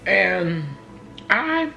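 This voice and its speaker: A woman's voice: mid-range voice, very animated, drawn-out words, gravelly, over music. A woman from Oakland, California with an American accent, chatting casually as she tells a rambling personal story and acts out what people said. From Oakland, California, United States. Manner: rambling, conversational, acts out reported dialogue. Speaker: vlogger telling a personal story. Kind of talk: casual storytime chat to camera.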